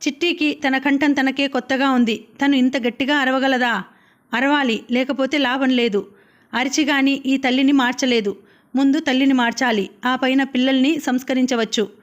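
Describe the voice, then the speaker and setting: A woman narrating a novel as an audiobook in a steady, expressive storytelling manner. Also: high-pitched, normal speed. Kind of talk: novel reading.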